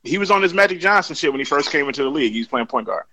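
A man's voice: fairly high pitch, animated, rapid-fire, pushed and bright, slight background noise, rough recording. A man hosting a casual sports podcast, joking and swearing with a guest. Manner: profane, laughing, joking banter. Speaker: podcast host.

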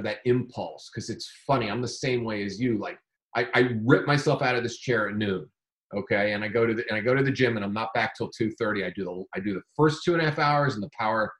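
Rambling, animated male day trader. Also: lowish voice, fast. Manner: animated, rambling, many restarts. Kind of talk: casual conversation.

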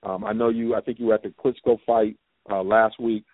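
Low-pitched man hosting over phone-like sound. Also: flat delivery, a little fast, dry recording. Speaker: sports podcast host. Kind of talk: casual podcast chat. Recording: dry, phone-like narrow sound.

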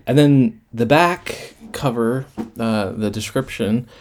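A man's voice: mid-range voice, slow, darkish tone. A man co-hosting a podcast in easygoing casual chat, laughing at himself. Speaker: podcast co-host.

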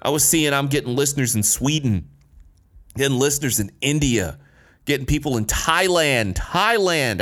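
A man's voice: medium pitch, fairly bright tone. Emphatic, casual male podcast host. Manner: emphatic, repeats phrases for effect. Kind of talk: casual, slangy solo podcast monologue. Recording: music behind the voice. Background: music.

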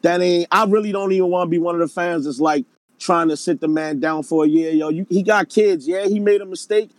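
A man's voice: high-pitched, steady tone, a little fast, dry recording. A man with a Baltimore accent talking casually and emphatically in slang during a group discussion. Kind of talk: casual group discussion of a battle rap event.

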